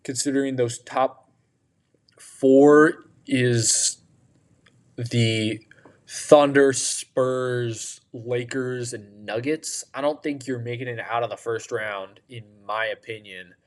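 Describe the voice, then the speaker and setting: A tired man hosting a podcast, giving opinionated casual sports commentary with a drawn-out delivery. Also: mid-range voice, fairly even intonation. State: tired, yawning. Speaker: podcast host.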